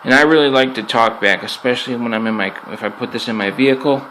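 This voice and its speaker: Talking fast in a pushed, bright, medium-pitched voice, this radio hobbyist reviews a product hands-on from his apartment. He's casual, conversational and unscripted, saying things twice for emphasis. The amateur, low-quality recording carries noticeable background noise.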